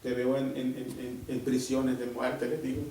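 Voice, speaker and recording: A man preaching a sermon at church, emphatic and animated, often dropping into a hushed voice as he tells a personal testimony. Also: medium pitch, moderate pace, slight background noise. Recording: very echoey church hall from far off.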